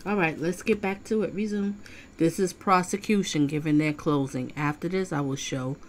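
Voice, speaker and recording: A woman's voice: low-pitched, steady tone, moderate pace, a little hiss or hum. A woman hosting a livestream with casual, conversational commentary, reading chat comments aloud. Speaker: livestream host.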